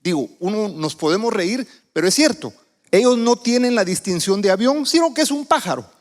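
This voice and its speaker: A man from Guatemala gives a sermon in a church, his high voice ringing out with a long reverb. He talks in a loose, conversational way and keeps asking the congregation questions. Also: lively intonation, fairly quick. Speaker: visiting preacher. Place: church sanctuary.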